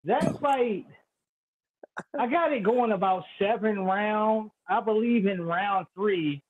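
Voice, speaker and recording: High-voiced man on a crackly phone line. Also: slow pace. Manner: animated, loud and playful, vivid street storytelling. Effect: crackly, staticky phone line. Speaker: guest predicting a boxing fight. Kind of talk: casual trash-talking chat. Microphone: cheap phone.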